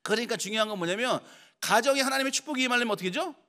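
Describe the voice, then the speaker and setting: A man preaching a sermon in church as pastor, animated and acting out quoted people in lively voices. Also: very high voice, rapid-fire.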